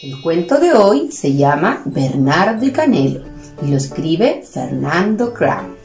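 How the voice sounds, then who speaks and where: A Chilean woman, a preschool educator, tells a picture-theater story to small children. Her delivery is sing-song and lively, with pitch rising and falling constantly. The room is echoey, with soft music in the background. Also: slow. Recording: roomy room with faint music.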